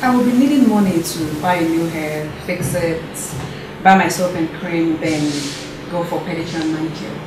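Brief: a woman playing a calm Nigerian wife, lowish voice, echoey room. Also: background noise, lightly acted. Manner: polite, measured, matter-of-fact. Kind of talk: film drama acting.

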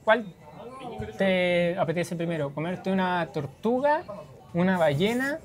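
A man's voice: sits high, a little slow, crowd noise. A young man, hosting a casual food vlog, chatting to viewers and laughing often, on a lapel mic in a small restaurant. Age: young adult. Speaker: host. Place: small crowded restaurant, indoors.

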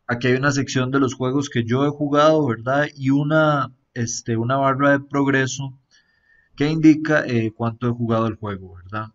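A man talks at an easy, middling pitch through a screen-recorded app tour. He keeps it relaxed, often tagging sentences with a questioning aside and pausing on fillers. The recording sounds a little dull and muffled. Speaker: app reviewer.

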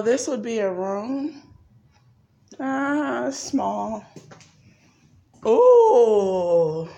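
A young woman films a hide-and-seek game on a phone she holds while walking through an empty house. It's a casual vlog, and her mid-range, darkish voice sounds playful, teasing and sing-song.

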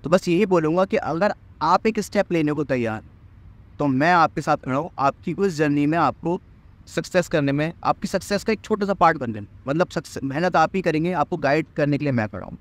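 Young man, twenties, slightly high voice, earnest motivational talk, outdoors in a park, camera mic. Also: fairly quick. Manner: earnest, repeats and restarts phrases, addresses viewers directly. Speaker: fitness trainer and course mentor. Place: outdoors in a park under a tree. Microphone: camera at medium distance.

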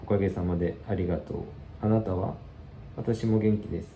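A man with a low, very dark and mellow voice walks through a language lesson in an easygoing, filler-heavy way. He sounds like he is in an echoey room with a faint hum of ambience behind him. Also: fairly quick. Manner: relaxed explanatory, many fillers. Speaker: Spanish teacher.

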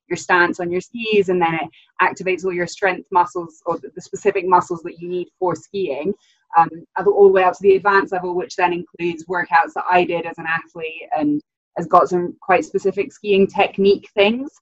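A woman's voice: lowish voice, fairly even intonation, normal speed, no room sound. A young British woman in her twenties, a ski coach, chatting casually on a video call with lots of fillers. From Britain. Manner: chatty, many "um" and "like" fillers, laughs often. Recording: dull lo-fi video call audio.

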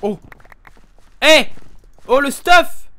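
A young man commentating a live game stream, joking and bursting into yells. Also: extremely high pitch, drawn-out words, a little hiss or hum. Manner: jokey, excitable, yells in sudden bursts. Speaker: gaming streamer.

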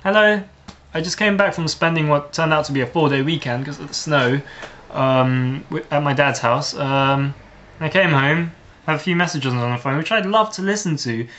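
A man's voice: on the high side, moderate pace, a bit bright, highs cut off, a little hiss or hum. A teenage boy vlogging a casual, sarcastic comic rant with jumpy swings of emphasis.

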